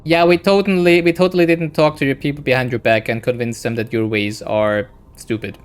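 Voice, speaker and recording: Speaking briskly in a clean, mid-range voice with fairly even intonation, a man chats his way through a game stream. English is his second language. He rambles casually in let's-play style and keeps adding "right?" as he goes.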